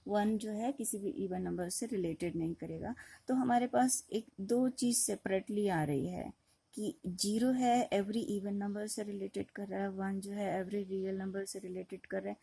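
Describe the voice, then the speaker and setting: A woman's voice: mid-range voice, a little slow, vocal fry, warm tone, breathy edge, no room sound, low-quality recording. A woman teaching a maths lecture, explaining step by step and asking questions she then answers herself. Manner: mixes in English terms, with fillers and restarts. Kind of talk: classroom lecture.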